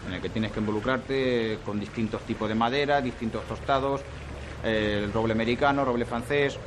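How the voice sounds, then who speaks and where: A man, a winemaker, explaining slowly and thoughtfully in an interview. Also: mid-range voice, fairly even intonation. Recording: outdoor noise, traffic behind.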